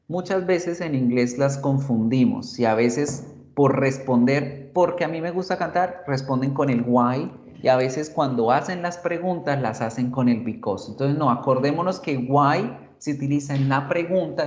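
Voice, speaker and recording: A male teacher explaining grammar slowly and patiently to his class in an online lesson. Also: mid-range voice. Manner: slow, explanatory, addresses students as chicos. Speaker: English teacher. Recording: echoey, muffled lo-fi recording.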